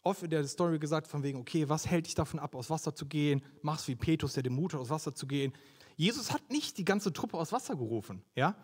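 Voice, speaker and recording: Lively young preacher man, fairly high voice. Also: fast, slightly rough. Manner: lively, conversational, asks the audience questions. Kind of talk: sermon.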